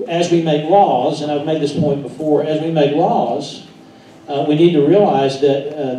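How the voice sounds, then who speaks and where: Southern guy preaching-ish talk, mellow voice, lots of uhs, far from the mic. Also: medium pitch. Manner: self-deprecating, halting with many fillers. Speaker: pastor. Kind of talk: speech at a meeting. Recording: echoey room, distant mic, faint noise.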